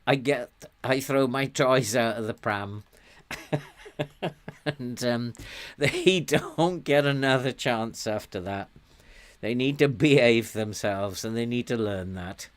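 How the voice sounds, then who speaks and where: A man in his sixties, chatting and chuckling at himself while commenting on a game he plays. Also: mid-range voice. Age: 60s. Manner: chuckling, self-mocking, slow and chatty. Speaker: let's play host.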